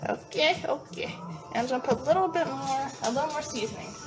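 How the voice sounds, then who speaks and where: Giggly New Jersey woman cooking over loud music. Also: sits high, fast. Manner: playful, giggly, chatty slang. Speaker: cooking vlogger. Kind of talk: casual cooking demonstration. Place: home kitchen. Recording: loud music playing behind her. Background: hip hop and EDM music.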